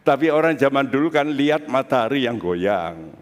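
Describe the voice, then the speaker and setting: A pastor preaches to his congregation in a church sanctuary, addressing them directly in a conversational way. His mid-range voice moves a little slowly and carries a big-room sound.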